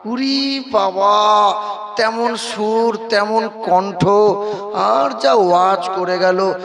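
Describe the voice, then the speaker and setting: A man's voice: high-pitched, very slow, gravelly, fairly bright tone. A man from Bardhaman preaching a waz sermon with a Bardhaman Bengali accent, singing some phrases and joking with his listeners. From Bardhaman district, West Bengal, India. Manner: sings phrases, jokes with the audience, calls listeners "bap". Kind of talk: waz sermon with melodic chanting. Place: religious gathering in Murshidabad. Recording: crowd audible at a public sermon gathering.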